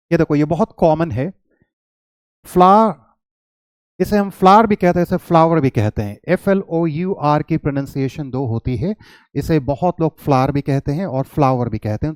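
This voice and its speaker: A man teaches an English lesson and explains each point patiently. He spells words out letter by letter and reads example sentences slowly. His voice sits a little high, and it is recorded close and dry. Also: a little mellow, dry recording.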